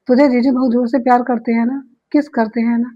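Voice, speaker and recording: A woman's voice: on the high side, flat delivery, a little fast, warm tone, dull audio, close to an everyday voice. A woman voicing a bold, teasing young woman who coaxes her friend in a read-aloud story. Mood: coaxing. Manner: teasing, coaxing.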